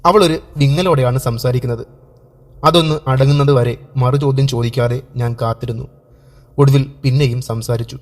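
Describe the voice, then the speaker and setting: A man reading a first-person story aloud in a steady, earnest way. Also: medium pitch, normal speed. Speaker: story narrator.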